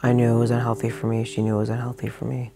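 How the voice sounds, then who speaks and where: A man's voice: monotone, rapid-fire, vocal fry. A man giving a frank, reflective personal account in an interview. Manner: reflective, frank, low-key. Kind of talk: candid personal testimony.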